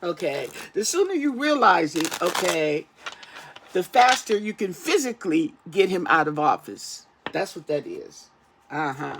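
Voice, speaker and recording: A tarot reader talking casually to camera while getting over an illness, halting and repetitive, often tagging phrases with a questioning check-in. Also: medium pitch, noisy background. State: recovering from an ear infection. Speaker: tarot reader, channel host.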